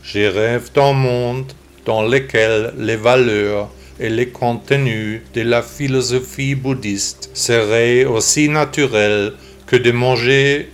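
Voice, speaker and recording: A male text-to-speech computer voice reading the scripted intro and outro of a podcast as its host. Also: medium pitch. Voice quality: even, machine-made delivery. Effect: synthetic computer voice, text-to-speech.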